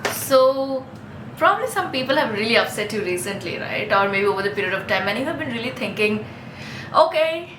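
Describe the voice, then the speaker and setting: A woman's voice: fairly high pitch, big pitch swings, a little fast, reverberant, background noise. A woman in her thirties from India giving a casual, earnest self-help talk to camera, chatty with frequent restarts. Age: 30s. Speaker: vlogger. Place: Mumbai street with ambient noise.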